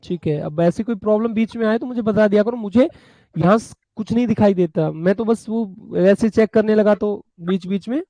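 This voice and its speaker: A man's voice: high-pitched, normal speed, mellow, no room sound. A man teaching a live online class, explaining law through little acted-out stories and talking to his students in a chatty, fatherly way. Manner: acts out buyer and seller in a story, chatty and fatherly with students.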